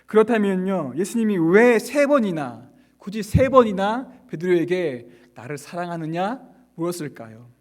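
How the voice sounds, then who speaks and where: A male pastor delivering a sermon, asking his listeners rhetorical questions and rising and falling for emphasis. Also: sits high. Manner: rhetorical questions, acts out quoted lines softly.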